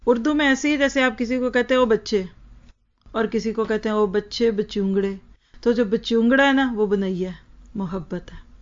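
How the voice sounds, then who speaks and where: Female Quran teacher, slightly high voice, careful and explanatory, slightly muffled recording. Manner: explanatory, measured, slows on key terms. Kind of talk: religious lesson on word meanings.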